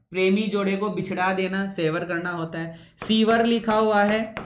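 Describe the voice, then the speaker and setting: A man teaching English vocabulary in a classroom lecture, pausing often to ask his students whether they have understood, and deliberately slowing his usually fast speech. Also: high voice, a little hiss or hum. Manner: keeps checking with students, calls them son. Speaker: English teacher for exam coaching. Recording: echoey room.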